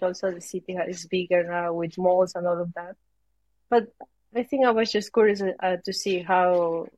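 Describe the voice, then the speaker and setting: In a casual interview, a yoga teacher from Peru speaks English with a Peruvian Spanish accent, pausing hesitantly as she hunts for words. Her voice is fairly low and darkish, heard through a dry, muffled recording.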